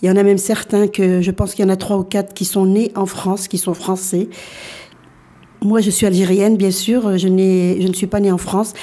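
A woman in her sixties, born in Algeria, telling her life story as a radio guest and often pausing to restart her sentences. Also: medium pitch, little pitch movement, dark tone. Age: 60s. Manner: hesitant, many fillers and restarts.

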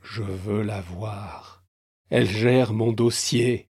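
A man voicing an exhausted, desperate man who speaks in quiet, clipped, stubborn phrases. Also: on the low side, steady tone, slow, slightly rough, no room sound, studio quality, full character voice.

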